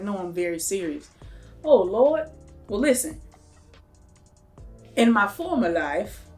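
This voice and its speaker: A woman mobile home investor, telling a story straight to her viewers. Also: medium pitch. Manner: animated, talks straight to viewers. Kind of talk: storytelling vlog.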